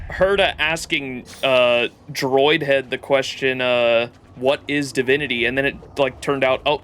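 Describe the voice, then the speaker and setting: A man's voice: medium pitch, sharp tone, slight background noise. A man doing casual, irreverent game commentary as a streamer, slangy and profane, sometimes reading the on-screen dialogue aloud.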